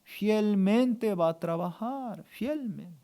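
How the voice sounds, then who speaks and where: A man's voice: high voice, expressive, very slow, mellow. A male pastor preaching a sermon with emphatic call-and-response, asking the congregation to repeat after him.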